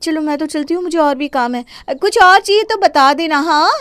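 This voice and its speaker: A woman's voice: high-pitched, normal speed, fairly bright tone, dry recording, pitched above the performer's own voice. A woman voicing a defiant young daughter-in-law who talks back and mocks in a cartoon. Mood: mocking. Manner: mocking, talking back.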